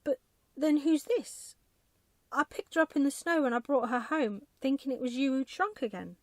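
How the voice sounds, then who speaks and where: A woman voicing an anxious, devoted, easily bewildered husband in a soft ASMR bedtime storybook reading. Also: high-pitched, moderate pace, dry recording, voice pushed up. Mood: tearful amazement. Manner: plaintive, emotional, wondering.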